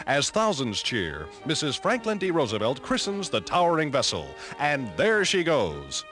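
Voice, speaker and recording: An old newsreel narration by a man, delivered in a dramatic, emphatic announcer style. His voice swoops up and down with great expression, and a clear music score plays underneath him. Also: a little high, wildly swooping pitch, normal speed, a bit bright.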